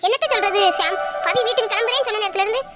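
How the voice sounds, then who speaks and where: A woman's voice: very high-pitched, very fast, loud music behind the voice. A woman acting a worried grandmother who scolds and pushes her grown son. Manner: scolding, insistent. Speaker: mother of the father. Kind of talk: home drama acting.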